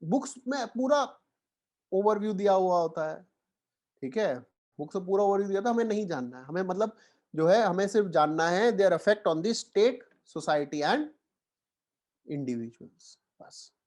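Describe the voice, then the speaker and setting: Indian male teacher with a raised pitch. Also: animated, measured pace, darkish tone. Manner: Hindi-English code-switching, frequent "theek hai" check-ins; encouraging, reassuring students. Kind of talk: online lecture.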